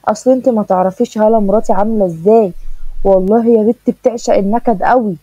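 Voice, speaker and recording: A woman's voice: medium pitch, quick pace, dry recording, natural voice. Flirty egyptian brother-in-law, sweet-talking, woman voicing him, dull dry sound. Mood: flirting. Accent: Egyptian Arabic. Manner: flattering, complaining.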